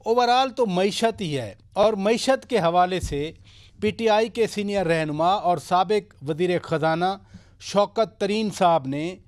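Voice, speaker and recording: A middle-aged man with a Pakistani Urdu accent, hosting a formal current-affairs talk show with a brisk anchor delivery and probing questions. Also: high voice.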